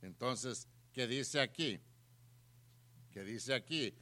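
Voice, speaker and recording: A man's voice: medium pitch, slow pace, sharp tone. A man preaching a sermon, putting questions to his listeners and repeating his points for emphasis.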